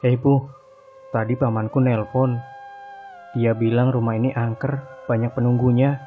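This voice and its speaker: A man voicing a secretive, impatient young male housemate who speaks in a hushed, conspiratorial way in a spoken horror story. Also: medium pitch, flat delivery, unhurried, narrow, tinny audio, soft background music, lightly acted.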